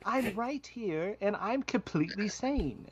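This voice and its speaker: A man's voice: high voice, expressive, a little slow, lo-fi sound, slight background noise, pitched above the performer's own voice. A man playing a zany unhinged young man. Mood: manic. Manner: playful, zany, rambling. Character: unhinged young man Val, theatrical and scatterbrained. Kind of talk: tabletop role-play in character.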